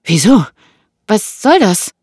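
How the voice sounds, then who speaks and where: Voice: lively intonation, a little fast, no echo, clean studio sound, close to an everyday voice. An audiobook narrator voicing a frightened, angry woman who is cornered and speaks shrilly. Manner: shrill, raised, high-pitched.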